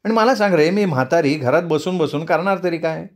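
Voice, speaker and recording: A man's voice: a little high, a little fast, pitched above the performer's own voice, natural voice. A man voicing a restless, fussy old grandmother in a read-aloud story, motherly and pleading.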